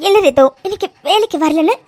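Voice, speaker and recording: Very high-pitched, hoarse young woman, as an actress plays her, hot-tempered cartoon heroine, dry close sound. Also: animated, darkish tone, dry recording. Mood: angry. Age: young adult. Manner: fiery, quick to pick a fight. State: hoarse from throat infection. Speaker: food delivery worker. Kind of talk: cartoon serial voice acting.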